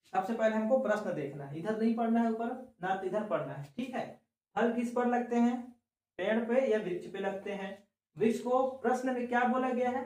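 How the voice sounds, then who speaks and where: A man teaching a class for exam students, his high voice ringing through a very echoey room. He is some distance from the mic. He talks slowly through each step, asking questions and answering them himself. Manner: drawn-out explaining. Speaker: reasoning teacher.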